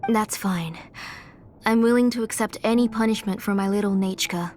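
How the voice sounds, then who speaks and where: A woman's voice: medium pitch, moderate pace, a little mellow, slight background noise, natural voice. A woman playing an earnest, devoted auntie who blames herself, in a video game. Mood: solemn. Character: earnest, self-blaming, devoted older auntie. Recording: music behind the voice.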